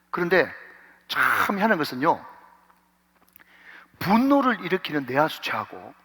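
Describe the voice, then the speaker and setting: A man's voice: fairly high pitch, slightly rough. Guy pastor preaching hard, voice jumping all over, echoey church. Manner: impassioned, swings from hushed to loud, exclaiming. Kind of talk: sermon. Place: church sanctuary. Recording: reverberant church hall.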